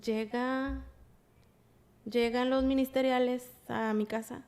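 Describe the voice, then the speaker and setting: Woman on a podcast spilling a creepy story, kinda high voice, gets lively then drops real soft. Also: takes it slowly. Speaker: podcast guest. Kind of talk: casual storytelling.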